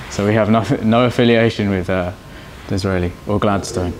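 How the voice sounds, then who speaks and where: Young man, band guitarist, fairly low voice, halting answers, faint noise behind. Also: fairly even intonation. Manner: halting, many restarts and fillers. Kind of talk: casual interview answers.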